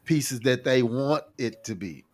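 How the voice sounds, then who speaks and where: A man talking casually as a podcast co-host, thinking out loud with many pauses and restarts. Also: medium pitch, animated. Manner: thoughtful, halting, lots of uh and restarts.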